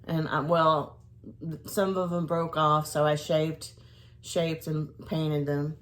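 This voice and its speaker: Lady just chatting to camera, slow n hesitant, trails off, bit of background noise. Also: deep voice, little pitch movement. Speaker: vlogger. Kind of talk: casual chat to camera.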